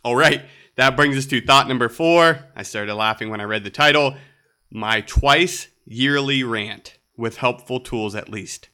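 A man hosting a solo podcast episode in a laid-back, upbeat way, sounding a bit nasal from a cold and often tossing in a quick "right?". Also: medium pitch, bright, forceful tone, clear, resonant tone. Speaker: podcast host.

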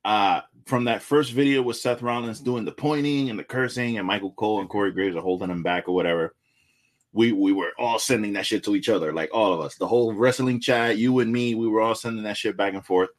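A man's voice: on the low side, brisk. A man co-hosting a casual wrestling podcast, laid-back and swearing as he tells a story. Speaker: podcast co-host.

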